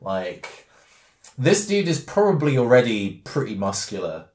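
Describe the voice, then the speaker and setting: A man narrating a tabletop game as game master, relaxed and hesitant with many fillers. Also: mid-range voice, a little slow. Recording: roomy recording with music behind.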